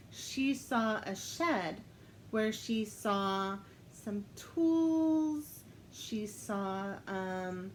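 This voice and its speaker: A woman telling a story aloud while playing a storytelling card game, unhurried and thinking aloud, often breaking into laughter. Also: mid-range voice, a little hiss or hum, low-quality recording. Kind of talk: casual storytelling game play.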